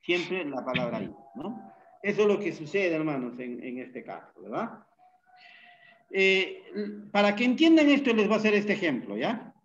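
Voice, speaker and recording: A man teaching a Bible Hebrew class, unhurried, often pausing with fillers and checking in with tag questions. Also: high-pitched, big pitch swings, muffled recording. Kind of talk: classroom lecture.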